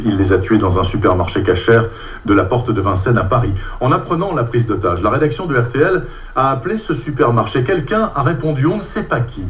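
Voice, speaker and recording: A man presenting morning radio news in a measured, formal way. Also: mid-range voice.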